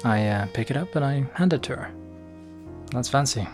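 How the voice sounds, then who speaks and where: Speaking over music at a moderate pace, the man keeps his mid-range voice near his everyday sound. With a Northern English accent, he rambles deadpan as a self-important, inept noir investigator in an ASMR roleplay, adding hesitant asides.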